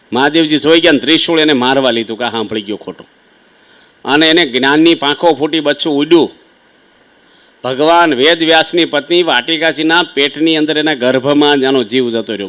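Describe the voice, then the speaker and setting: ગુજરાતી ઉચ્ચારવાળા એક પુરુષ સ્વામી, ઘરગથ્થુ વાતચીતની શૈલીમાં શ્રોતાઓને સંબોધીને ભક્તિભાવભર્યું પ્રવચન આપે છે. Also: male voice, a little high, fairly bright tone. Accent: Gujarati. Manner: conversational, folksy storytelling with asides to listeners. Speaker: swami preacher. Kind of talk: devotional sermon storytelling.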